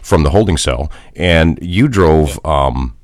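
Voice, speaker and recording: A man's voice: rumbling low, expressive, slow, no room sound, clean studio sound. A man co-hosting a podcast in a casual, easygoing, joking chat. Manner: easygoing, joking, laughs often. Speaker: podcast co-host.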